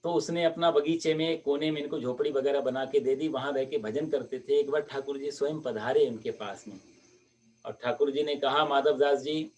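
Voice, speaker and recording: A male preacher narrating a devotional story sermon in a lively storytelling manner. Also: medium pitch, moderate pace, far from the mic.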